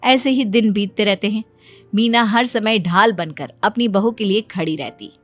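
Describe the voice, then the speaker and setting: Woman story narrator, mid pitch, soft music behind. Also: normal speed.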